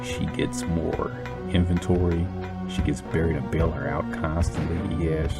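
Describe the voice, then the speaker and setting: A man with a very low, gravelly voice hosts a let's play with joking, sarcastic commentary. He teases the game as he plays. Game music is clearly heard behind him. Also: level tone, a little slow. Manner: sarcastic, teasing about the game.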